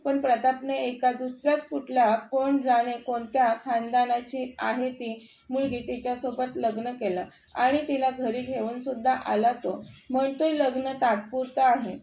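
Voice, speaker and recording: A woman's voice: high-pitched, dark tone, a little hiss or hum. A woman voicing a proud, scheming middle-aged mother who speaks with scorn, in an echoey room. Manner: scornful and controlling.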